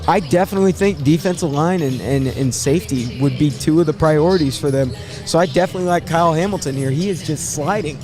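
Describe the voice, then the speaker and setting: A man hosting a casual live sports draft show, thinking aloud in a halting way and repeating words as he goes. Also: a little high, over music.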